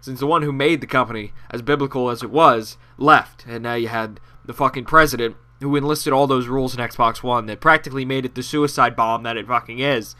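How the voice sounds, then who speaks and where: A man's voice: medium pitch, brisk, hardly any pauses, bright, forceful tone. A young man giving rambling, profane, sarcastic commentary over his gameplay, with a nasal voice. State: out of breath. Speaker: gaming commentator.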